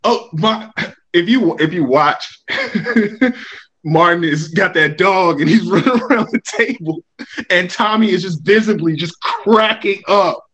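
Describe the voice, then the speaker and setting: A man's voice: sits high, expressive, slow, fairly bright tone, breathy edge. A man co-hosting a podcast, telling stories animatedly and laughing through them. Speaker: podcast co-host. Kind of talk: casual chat.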